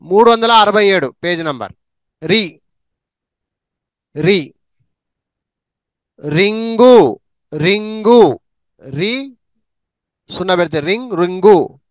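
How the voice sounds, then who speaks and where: A man teaching a reading lesson, saying each syllable and word twice in a slow, drawn-out drill. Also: high voice, fairly bright tone, no room sound.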